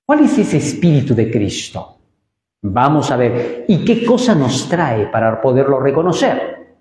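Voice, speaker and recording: A man preaching a sermon with emphatic swings in pitch and loudness, asking rhetorical questions. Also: sing-song, a little slow. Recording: echoey church hall reverb.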